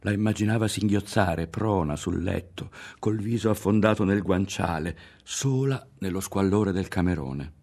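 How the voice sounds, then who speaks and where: A man reading a literary novel aloud in a measured, quietly dramatic way, close to the mic. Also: deep voice. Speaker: audiobook reader.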